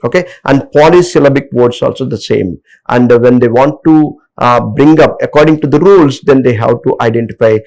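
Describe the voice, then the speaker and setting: Gravelly-voiced Indian man teaching English. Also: medium pitch, brisk, darkish tone, low-quality recording. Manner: hesitant, many uh fillers. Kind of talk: lecture with slides.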